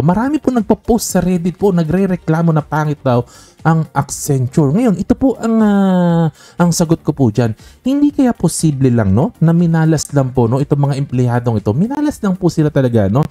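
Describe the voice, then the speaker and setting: A man's voice: on the high side, dark tone. A man hosting an investing channel, talking casually to camera with a frequent tag question and English phrases mixed in. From Philippines.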